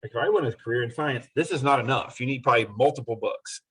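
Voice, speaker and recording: Middle-aged guy lecturing his class, kinda husky, earnest and repeats himself a lot. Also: medium pitch, fast, fairly bright tone, poor audio. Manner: earnest, repetitive, acts out students in quotes. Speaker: university lecturer.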